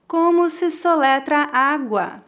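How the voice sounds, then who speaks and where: Animated and a bit bright, a high-pitched woman with a Brazilian Portuguese accent runs a pronunciation lesson, pronouncing words with clear, careful deliberateness for learners to repeat.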